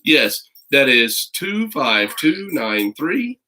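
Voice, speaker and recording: A middle-aged American man, a teacher reading stories to viewers, hosts a casual livestream from a makeshift video corner at home. He rambles as he chats with viewers and a child, speaking slowly and very animatedly in a medium-pitched voice. The background is noisy.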